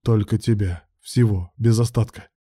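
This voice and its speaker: A pleading adult man in a spoken story, his lines full of strained outbursts, as a male narrator reads him. The voice sits low, with a dark, mellow tone and a dry, close sound. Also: steady tone, moderate pace, husky, no echo. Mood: resigned.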